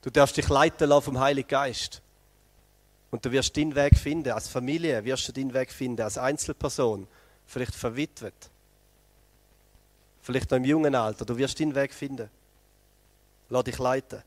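A man preaching a lively sermon, telling the story with energy and speaking straight to the congregation. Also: medium pitch, moderate pace, long pauses, no room sound. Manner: animated storytelling, addresses the congregation directly.

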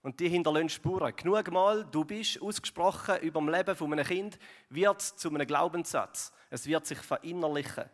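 Swiss guy preaching, chatty, lots of ums and "gell?", bit higher voice, echoey church hall. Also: fairly quick. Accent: Swiss German. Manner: chatty, many fillers and tag questions. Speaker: pastor. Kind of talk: conversational sermon. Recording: long hall reverb.

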